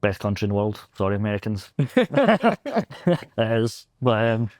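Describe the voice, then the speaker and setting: This young Glaswegian man's fairly low, slightly mellow voice swings widely in pitch at a measured pace, captured in studio quality with no room sound. A pentest engineer from Scotland, he's a casual, self-deprecating interview guest on a convention floor who rambles and laughs often.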